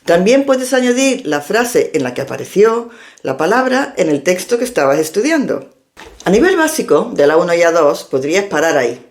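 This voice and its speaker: A woman teaches a language lesson, laying out each step clearly and methodically. Her pitch rises and falls in a lively, animated way as she explains. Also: moderate pace. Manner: clear, step-by-step instructive delivery. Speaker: English teacher and linguist.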